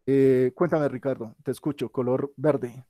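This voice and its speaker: A man's voice: medium pitch, steady tone, a little slow, mellow, dry recording, clean studio sound. A tired male teacher giving an online class, thinking aloud and correcting himself as he works through the board. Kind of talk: online class with a shared whiteboard.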